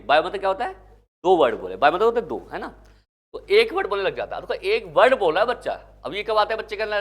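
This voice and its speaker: A man from India with a high, slightly bright voice leads an exam-prep class. He keeps questioning the students, answers himself, and blends English terms into his Hindi.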